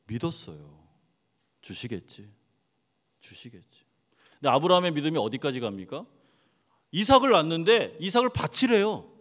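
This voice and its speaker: A male pastor preaching a sermon with lively swings from hushed asides to loud acted-out dialogue. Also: mid-range voice, in a large hall. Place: church sanctuary.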